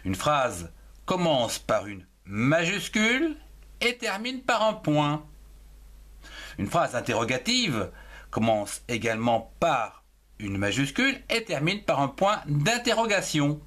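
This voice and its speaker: Slow, lively husky male teacher. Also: on the high side. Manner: slow, spells words letter by letter. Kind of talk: French grammar lesson.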